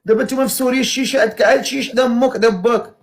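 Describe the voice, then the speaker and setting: A man's voice: very high-pitched, steady tone, gravelly, slight background noise. A man with a Moroccan accent hosting a casual live stream, teasing his callers. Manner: teasing, quick banter with callers.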